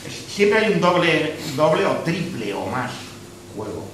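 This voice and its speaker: A man's voice: on the high side, big pitch swings, unhurried, fairly bright tone. A man from Spain speaking at a debate after a film screening, opinionated and hesitant, with restarts. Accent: Spanish from Spain. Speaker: speaker at a public discussion. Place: hall of a social club. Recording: echoey room, far from the mic, noisy.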